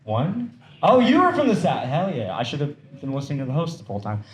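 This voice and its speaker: A young man performing a stand-up comedy set, swearing and throwing quick asides to the crowd. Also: on the high side, huge pitch swings. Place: comedy club stage with audience. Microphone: handheld stage mic. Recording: roomy club with crowd noise.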